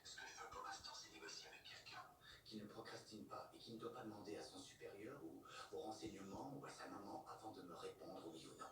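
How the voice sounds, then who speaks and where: A man dubbing a calm, courteous criminal mastermind whose voice comes through a metallic voice-changer filter over the phone. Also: on the low side, a little fast, heavy reverb, whispered, recorded from a distance. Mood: calm, polite. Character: calm, polite criminal mastermind behind a voice disguise. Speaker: hostage-taker negotiating by phone. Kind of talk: dubbed TV drama.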